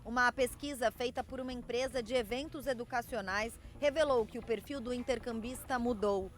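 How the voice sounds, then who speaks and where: A woman voicing a scripted TV news report in a measured, even newsreading manner. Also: on the high side.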